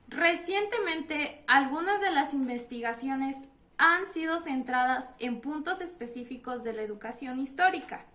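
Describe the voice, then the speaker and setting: A woman's voice: high-pitched, bright, forceful tone. A woman moderating a discussion in a formal, scripted presenting style. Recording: echoey room.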